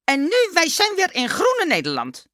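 A woman's voice: very high-pitched, moderate pace, no echo, clean studio sound, pitched above the performer's own voice, full character voice. A woman voicing an eager little mummy boy who speaks in broken grammar. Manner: broken grammar, excited chatter.

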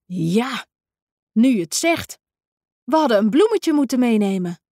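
A woman reading as a fussy male storybook friend who grumbles at his companion. His lines jump up high in pitch, and the voice sounds dry and close. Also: measured pace, no echo, full character voice. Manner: grumbling, a bit high and excited.

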